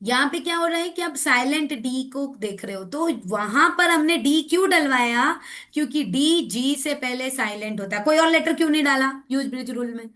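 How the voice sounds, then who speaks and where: A woman teaching phonics rules in a classroom-style lecture, mixing in English and saying example words slowly to check understanding. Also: high voice, animated, fairly bright tone. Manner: mixes Hindi and English, repeats and checks understanding.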